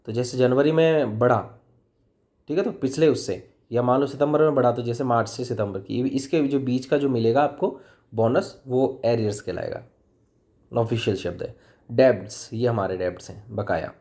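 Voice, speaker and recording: The speaker is a man with a Hindi accent explaining English vocabulary in a talkative classroom manner, answering questions he asks himself. His voice is mid-range and a little mellow, at a moderate pace.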